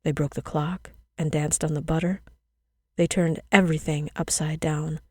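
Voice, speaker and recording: Mellow-voiced woman reading a Victorian tale. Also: low-pitched, little pitch movement, moderate pace, husky, no echo, studio quality. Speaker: storyteller. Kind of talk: reading a Victorian story aloud.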